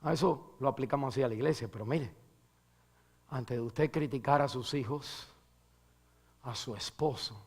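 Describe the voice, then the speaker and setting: A man's voice: mid-range voice, slightly rough. A male pastor preaching a sermon and leading a closing prayer, impassioned, swinging from a raised voice down to a near whisper and dropping English words into Spanish.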